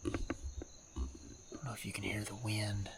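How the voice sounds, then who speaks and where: A man bowhunting from a tree stand in the woods, talking into his camera mic, whispering quietly at times and shouting loudly at others. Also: lowish voice, monotone, normal speed, vocal fry. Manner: hushed whispering, then loud shouts to scare off bears. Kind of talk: hunting vlog. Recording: outdoor recording with loud crickets and insects. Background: insects and wind.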